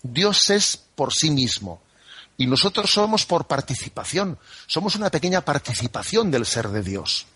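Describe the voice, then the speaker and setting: A man from Spain, a priest explaining the catechism on a radio program, who talks in an unhurried, conversational way and keeps checking in with "¿eh?" and "¿no?". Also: on the high side, big pitch swings, pushed and bright, husky, no echo. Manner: unhurried and conversational, full of "¿eh?" and "¿no?" tags. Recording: dry studio radio broadcast.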